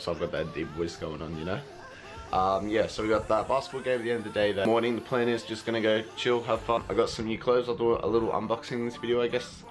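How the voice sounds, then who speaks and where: Relaxed young man vlogging over music. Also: mid-range voice, reverberant, poor audio. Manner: relaxed, rambling. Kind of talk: casual vlog talk to camera.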